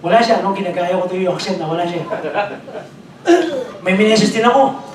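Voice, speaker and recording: A man's voice: sits high, brisk. A man preaching a joking sermon as pastor, switching between Tagalog and English and imitating people he talks with. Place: large church hall. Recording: echoey hall, from far off. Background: congregation responding.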